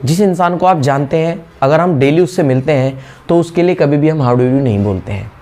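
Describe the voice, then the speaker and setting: High-voiced man teaching English phrases. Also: mellow. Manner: explains step by step, repeats example phrases. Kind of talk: spoken English lesson in Hindi.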